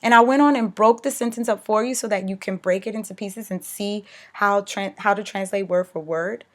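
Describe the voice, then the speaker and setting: A woman's voice: medium pitch, fairly quick. Upbeat woman teaching a lesson. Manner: upbeat, clear explanations with frequent okay checks. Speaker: Spanish teacher. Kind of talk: recorded classroom lesson.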